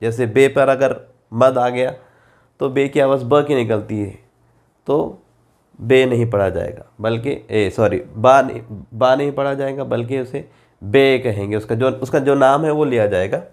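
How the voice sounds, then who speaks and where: A man with an Urdu accent teaching Quran reading in a slow lesson, drawing out the example syllables at length. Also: medium pitch, a little mellow.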